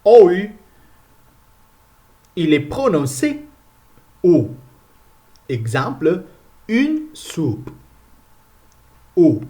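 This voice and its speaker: Slow, deliberate male pronunciation teacher. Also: high voice, wildly swooping pitch, dark tone. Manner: repeats each sound slowly and clearly.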